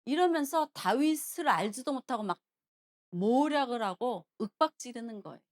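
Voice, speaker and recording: A woman preacher with a high, very lively voice, retelling a Bible story to her church. She keeps asking her listeners questions, with big swings of pitch in each line. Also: moderate pace. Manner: animated, questioning the congregation. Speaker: pastor. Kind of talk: sermon storytelling.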